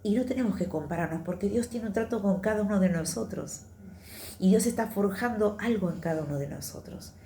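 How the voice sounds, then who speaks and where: A woman's voice: medium pitch, brisk, mellow, reverberant, a little hiss or hum. Woman, Rioplatense accent, casual church testimony, mid-range voice, light room ambience. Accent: Rioplatense Spanish. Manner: chatty, confiding, often adds tag questions. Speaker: church speaker giving testimony. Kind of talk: conversational testimony sermon.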